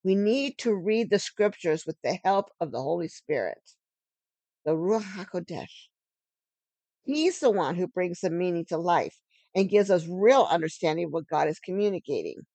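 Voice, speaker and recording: A woman giving an earnest teaching sermon on scripture, stressing key phrases and slowing down for emphasis. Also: on the low side, expressive, mellow, dry recording. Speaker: Bible teacher.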